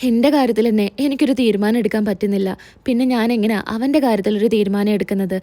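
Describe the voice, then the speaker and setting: A woman's voice: medium pitch, fast, dark tone, lightly acted. A woman voicing a tearful young wife who feels betrayed, speaking bitterly in a Malayalam serial retelling.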